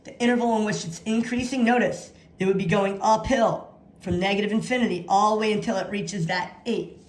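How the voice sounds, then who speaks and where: A woman's voice: mid-range voice, steady tone, fairly quick. A woman with a mid-range voice teaches in an echoey space. She walks through practice problems in an instructional way, dictating notation bit by bit. She often repeats key phrases for emphasis. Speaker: math teacher. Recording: echoey room sound.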